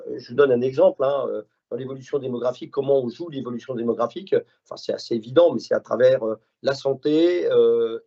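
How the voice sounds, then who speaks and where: A man on a conference panel walks through his fund's strategy in a measured way, peppering his speech with fillers and tag words. The recording is dull and lo-fi. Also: medium pitch, dark tone. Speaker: asset management director. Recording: dull lo-fi sound.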